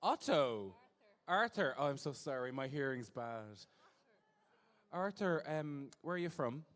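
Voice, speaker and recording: Hosting a live show in a large venue, a man does teasing, camp crowd work with a handheld mic. His mid-range voice is expressive and a bit bright, with a slightly slow pace, and the hall sounds echoey.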